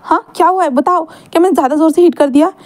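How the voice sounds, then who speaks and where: A woman's voice: very high voice, fast talker, darkish tone, voice pushed up. A woman voicing a stern uncle who scolds and demands answers, then asks worried questions.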